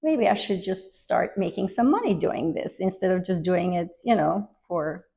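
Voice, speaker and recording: A woman's voice: fairly low pitch, animated, normal speed, gravelly, mellow, poor audio. A middle-aged woman from Belgium with a slight Belgian accent, chatting casually as an interview guest with many fillers. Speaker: guest, luxury travel advisor.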